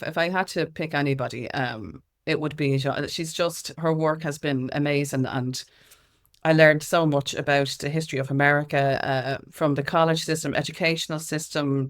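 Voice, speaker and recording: With a voice that sits low, an Irish woman talks as an activist guest in a candid interview. Her delivery is impassioned and emphatic.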